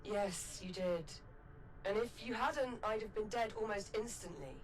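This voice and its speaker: A woman playing a steady, resolute space captain in a video game, direct, firm and caring. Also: mid-range voice, unhurried, natural voice, poor audio. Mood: grave, firm.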